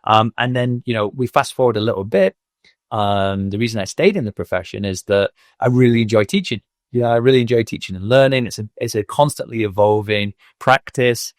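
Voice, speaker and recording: Low-voiced Mancunian man telling his story. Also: a little fast, dry recording, studio quality. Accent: Mancunian English. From England. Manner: reflective storytelling with fillers. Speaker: guest, school owner. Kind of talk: podcast interview.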